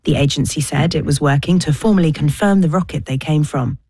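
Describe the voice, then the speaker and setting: Low-voiced woman reading the news, dry studio sound. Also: a little fast, dark tone, husky, dry recording. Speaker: newsreader. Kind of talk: scripted news bulletin.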